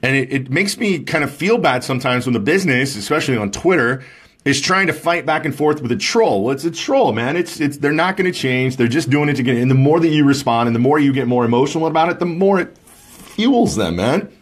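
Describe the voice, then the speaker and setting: A man's voice: mid-range voice, lively intonation, brisk, husky. A man in his forties hosting a casual live show and podcast, talking in a chatty, rambling, jokey way. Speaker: podcast and Facebook Live host. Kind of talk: casual chat.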